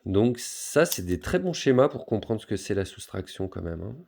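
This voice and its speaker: A male teacher works through a subtraction problem for his pupils, pausing on fillers as he goes. His voice sits low and has a gravelly edge. His manner is patient and step-by-step. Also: big pitch swings, darkish tone. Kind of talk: math lesson for pupils, explaining on a board.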